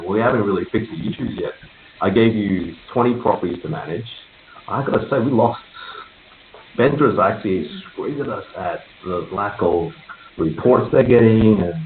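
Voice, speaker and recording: Man, host of a group voice call, low and chatty. The conference line is tinny and echoey. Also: slight background noise. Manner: chatty, laughs between points, many fillers. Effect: group voice call, heard over a conference line. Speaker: meeting host for a real estate network. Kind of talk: casual business meeting update.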